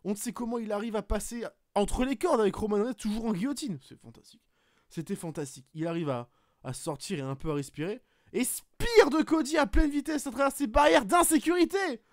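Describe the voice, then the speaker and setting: A man hosting a podcast, swearing often as he retells a wrestling match in an animated play-by-play. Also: extremely high pitch, fairly quick, no echo, clean studio sound. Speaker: podcast host. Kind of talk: casual podcast chat, excited match recap.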